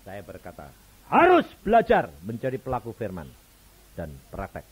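A middle-aged man preaching a storytelling sermon, animated, swinging between loud and soft. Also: mid-range voice, moderate pace, husky, poor audio.

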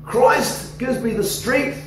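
A man in his forties with an Australian accent, preaching an animated sermon into a handheld microphone in a church hall. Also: extremely high pitch, slow. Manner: animated, gesturing, coaxing the congregation. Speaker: pastor. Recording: echoey hall, somewhat distant, faint noise.

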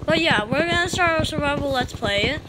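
A woman's voice: sits high, animated, brisk, very noisy. A woman hosting a casual let's play, rambling along with many filler sounds as she plays. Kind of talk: casual gameplay commentary.

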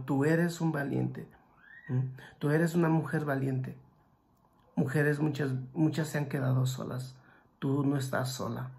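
A man preaching a sermon who swings between loud exclamations and hushed passages and asks his listeners direct questions. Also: medium pitch, gravelly.

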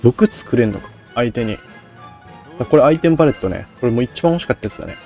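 A man's voice: mid-range voice, expressive, fast, gravelly, warm tone, faint music behind. Male game commentator, mumbly and unclear, thinks aloud and puts himself down. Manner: rambling, self-deprecating, thinks aloud. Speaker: game streamer. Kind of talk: casual Let's Play commentary.

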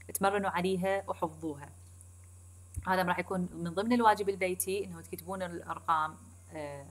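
A woman with an Iraqi Arabic accent giving a recorded English lesson, switching between Arabic and slow, deliberate English and repeating key points to her students. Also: on the low side, a bit bright. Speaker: English teacher. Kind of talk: recorded online lecture.

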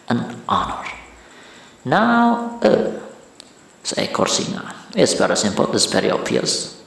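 A man's voice: fairly high pitch, gravelly. A man teaching an English grammar lesson, repeating and stressing key words. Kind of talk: bilingual classroom-style lesson. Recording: very echoey room.

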